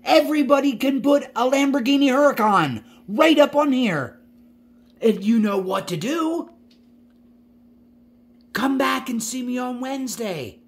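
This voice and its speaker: Gushing, slow-talking man showing off toy cars. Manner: excited, repeats phrases, gushing; pitch leaps up when thrilled. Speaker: diecast collector vlogger. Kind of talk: casual product showcase.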